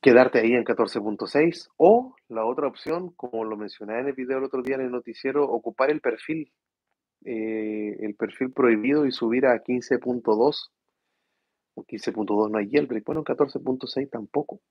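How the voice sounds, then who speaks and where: Tired, soft-spoken man. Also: mid-range voice, moderate pace, husky, dry recording, muffled recording. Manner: speaks softly to avoid waking his children. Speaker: host of a tech livestream. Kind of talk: casual live chat reading viewer questions. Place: room at home at night.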